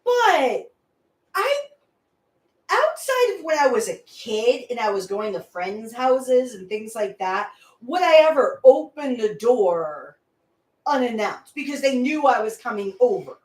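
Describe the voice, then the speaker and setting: A woman co-hosting a casual livestream discussion, animated and teasing. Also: a little high, unhurried, far from the mic. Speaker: co-host. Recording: echoey room, off the mic.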